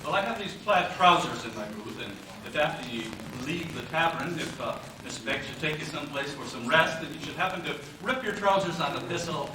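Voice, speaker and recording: A man's voice: a little high, expressive, brisk, hardly any pauses, close to an everyday voice. A man playing a sly old merchant. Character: sly old Scottish male cloth merchant. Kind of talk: stage musical acting. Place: theater stage. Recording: echoey stage, far mic, hiss.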